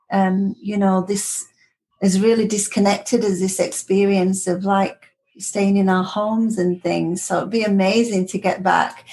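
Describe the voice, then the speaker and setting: A woman's voice: medium pitch, darkish tone, low-quality recording. A woman, a yoga teacher, chatting enthusiastically as a guest on a podcast in long, flowing sentences. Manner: enthusiastic, gushing, talks in flowing run-on sentences. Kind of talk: casual podcast chat.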